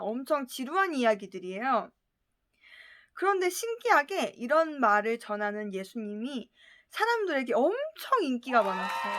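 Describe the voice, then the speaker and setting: Woman, youth group preacher, casual sermon, chatty, asks the listeners questions, slightly high voice. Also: fairly bright tone.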